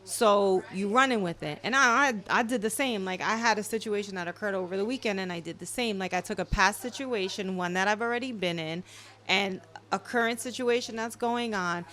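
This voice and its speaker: Woman in her late forties, podcast co-host, casual chat, reflective, soft-spoken. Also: medium pitch, a little fast. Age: 40s.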